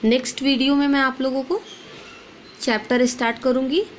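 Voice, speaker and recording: Woman teacher, slightly high voice, faint room ambience. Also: little pitch movement, fairly quick, a little hiss or hum. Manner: asks questions and answers them herself; mixes English words into speech. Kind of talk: recorded class lesson.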